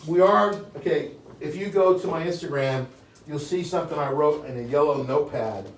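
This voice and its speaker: A real estate sales trainer from the United States leads a live seminar in a meeting room, bantering with attendees and repeatedly checking in with "okay?". He speaks a little fast in a voice on the high side. The distant mic captures an echoey room and faint hiss.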